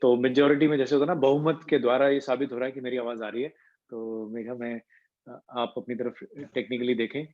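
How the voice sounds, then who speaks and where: A man's voice: mid-range voice, little pitch movement, brisk. Male voice coach on a dull call. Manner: explanatory, mixing in English terms. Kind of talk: online voice class instruction. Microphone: video call.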